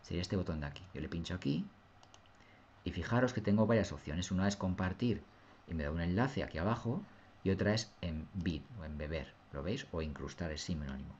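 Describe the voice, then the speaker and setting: Male teacher, low voice, patient step-by-step explainer on a dull lo-fi mic. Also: a little fast, darkish tone, a little hiss or hum. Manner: patient, step-by-step, often asks "¿lo veis?". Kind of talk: screen-recorded software tutorial.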